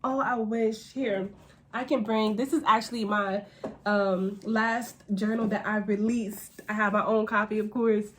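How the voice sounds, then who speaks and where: A woman's voice: mid-range voice, fairly even intonation, a little slow, a bit bright, slight background noise. A young adult woman hosting her own channel, telling a personal faith testimony in an earnest, conversational way, speaking to viewers directly as y'all. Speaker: host.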